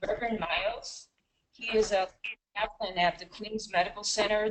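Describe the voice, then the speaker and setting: A woman's voice: medium pitch, fairly bright tone, a little hiss or hum, low-quality recording. A woman taking part in a webinar, speaking earnestly on a group call. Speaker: webinar participant.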